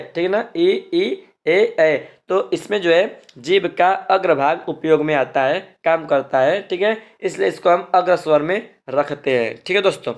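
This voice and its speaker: A man gives a grammar lecture in a voice pitched a little above the usual for men. He explains patiently and goes over each point twice. He keeps checking in with his viewers and stretches out the sounds he is demonstrating. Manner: repeats points, constant check-ins with "ठीक है ना" and "दोस्तों"; stretches vowels slowly when demonstrating them. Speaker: teacher.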